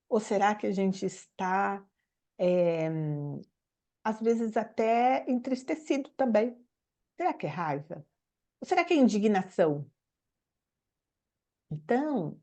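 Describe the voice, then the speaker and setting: A woman's voice: mid-range voice, dark tone. Questioning Brazilian woman teacher. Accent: Brazilian Portuguese. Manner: asks many rhetorical questions, tag "né?"; laughs as she speaks. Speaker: teacher and systemic pedagogy mentor. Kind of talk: informal talk to camera.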